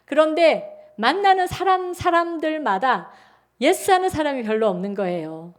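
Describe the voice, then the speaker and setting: A woman in her sixties preaches from the pulpit with a notably high voice. She tells her own stories in an animated, conversational way, acting out what people said. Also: moderate pace. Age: 60s. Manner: animated, chatty storytelling with acted-out quotes. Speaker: pastor. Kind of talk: sermon with personal storytelling. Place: church sanctuary.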